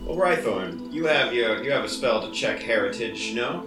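A man's voice: medium pitch, animated, moderate pace, music in the background. A man playing a tabletop game, speaking earnestly and a little hesitantly in character. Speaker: player. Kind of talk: casual in-character chat. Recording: distant mic, roomy echo.

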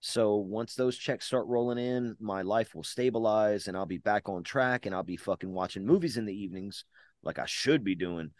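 A man's voice: lowish voice, moderate pace, dry recording. A man hosting a podcast over a video call, talking in a profane, boisterous, bragging way. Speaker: podcast host. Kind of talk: casual chat.

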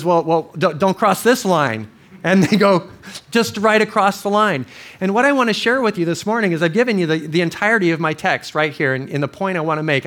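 A male pastor preaching a sermon, his voice a little higher than most men's. He talks earnestly and conversationally, often backing up to restart a phrase. He also reads scripture aloud and leads a prayer. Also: a bit bright. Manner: reads scripture, then prays.

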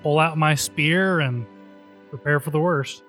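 A man with a fairly high voice plays a tabletop game, talking casually through his moves and dice rolls. Music sits behind his voice. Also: a little slow, a bit bright.

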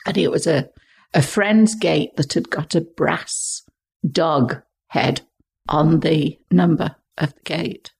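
An older woman from England, a podcast guest, telling vivid childhood stories expressively and hushing her voice for suspense. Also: deep voice, slow pace, creaky, breathy edge. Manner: expressive, dropping to hushed tones for suspense.

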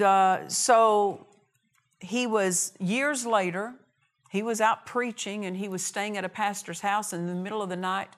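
A woman's voice: mid-range voice, a bit bright. A woman preaching a sermon in a church, with emphatic repetition and short punchy phrases. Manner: emphatic, repeats key phrases, acts out quoted dialogue.

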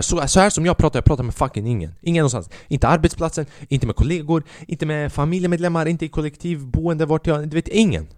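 A young man hosting a podcast, telling a comic, profane story as an animated rant. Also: a little high, no echo, clean studio sound. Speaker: podcast host. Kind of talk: comedic ranting monologue.

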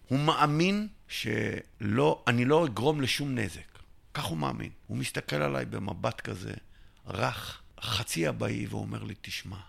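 Gravelly, bright-voiced storytelling man. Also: on the low side. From Israel. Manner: tells a story by acting out both sides of a dialogue, sometimes shouting. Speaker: interviewee, entrepreneur. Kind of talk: animated storytelling with acted dialogue.

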